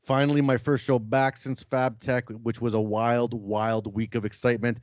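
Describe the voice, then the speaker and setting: A man's voice: mid-range voice, flat delivery, normal speed, a little mellow, no room sound, lo-fi sound. A man from Chile hosting a podcast, talking in an upbeat, chatty way. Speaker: podcast host. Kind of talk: casual interview chat.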